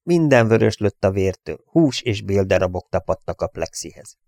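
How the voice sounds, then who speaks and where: Gravelly low-voiced male audiobook reader. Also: no echo, clean studio sound. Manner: steady, measured storytelling. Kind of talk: audiobook narration.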